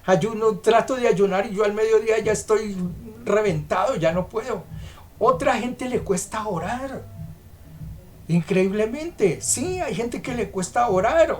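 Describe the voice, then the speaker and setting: Preacher guy giving a sermon, emphatic, keeps asking the church questions. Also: extremely high pitch. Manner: emphatic, asks the congregation rhetorical questions.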